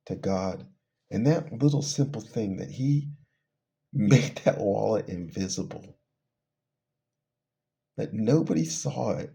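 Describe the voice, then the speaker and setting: A man's voice: lowish voice, creaky, mellow. A middle-aged man casually telling a personal testimony, rambling and laughing between phrases as he trails off. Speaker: storyteller.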